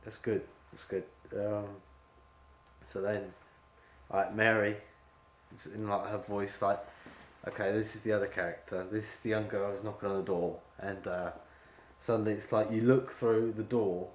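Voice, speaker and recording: A man's voice: fairly low pitch, flat delivery, moderate pace. A man directing an actor at an audition, rambling and full of fillers as he explains the scene. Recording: echoey room with faint ambience.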